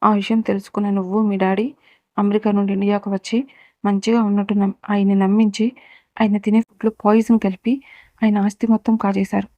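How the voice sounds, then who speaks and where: A woman voicing a cold, powerful young businessman who lays out accusations and threats in a steady voice. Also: mid-range voice, a little fast, no echo, close to an everyday voice. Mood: cold accusing. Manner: coolly menacing, lays out accusations. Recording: dull, dry recording.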